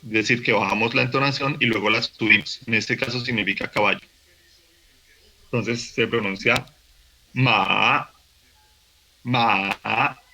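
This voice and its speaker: A man teaching a workshop lesson, explaining patiently with fillers and restarts, slowing down to demonstrate syllables. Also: mid-range voice, fairly even intonation, pushed and bright, low-quality recording. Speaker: language teacher. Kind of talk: recorded online workshop lesson.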